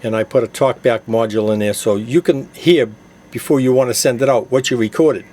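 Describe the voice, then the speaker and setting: A man who sells CB radio gadgets walks through a hands-on product demo step by step, casual and plain-spoken. His mid-range voice is brisk with a darkish tone.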